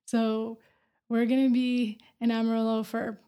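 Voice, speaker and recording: A woman's voice: a little high, level tone, unhurried, warm tone, smooth. A woman in her twenties from Afghanistan, a medical student giving earnest, plainspoken answers as a podcast guest. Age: 20s. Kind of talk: casual interview.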